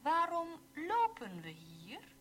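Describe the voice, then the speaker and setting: Female drill reader: very slow, careful diction, highly melodic delivery. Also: huge pitch swings, fairly bright tone, slight background noise. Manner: slow, carefully pronounced sentences. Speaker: language teacher reading examples. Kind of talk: slow read-aloud language drill.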